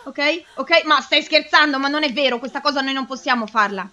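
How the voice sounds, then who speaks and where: A young woman giving anxious, excitable commentary while playing a game, pleading and exclaiming as she goes. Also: sits high, a little fast, lo-fi sound. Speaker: let's play host.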